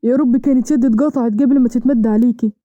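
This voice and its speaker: A quick-tempered young husband with an Egyptian accent, read by a woman, harsh and commanding. The voice is high and very dark, and the lines come out very fast. The recording is close and dry. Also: steady tone, dry recording, muffled recording, lightly acted. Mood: pleading.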